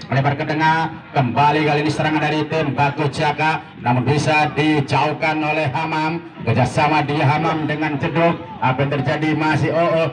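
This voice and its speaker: A man giving live play-by-play football commentary, often repeating players' names. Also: fairly high pitch. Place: outdoor village football ground. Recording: echoey PA, distant, crowd noise. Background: crowd.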